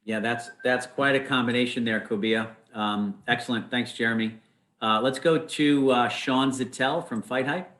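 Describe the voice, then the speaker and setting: A male moderator running a video press call, his voice mid-pitched and carried on a roomy, echoing sound. He keeps things moving, thanking each speaker and calling up the next. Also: fairly bright tone. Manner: brisk, directs who speaks next.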